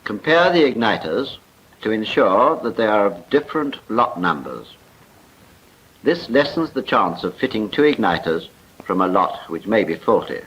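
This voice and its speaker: A British man narrates a formal, precise script in the manner of a 1940s military training film, recorded as a film voice-over. His voice sits lowish and a bit bright, with big pitch swings at a moderate pace. The soundtrack is muffled and noisy, typical of 1940s film.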